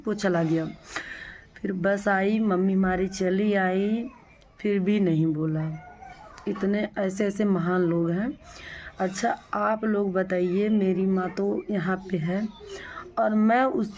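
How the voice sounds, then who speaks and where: A woman's voice: medium pitch, darkish tone. Woman telling a family grievance casually. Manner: plain, repetitive retelling with many restarts. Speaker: vlogger. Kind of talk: casual storytelling to viewers.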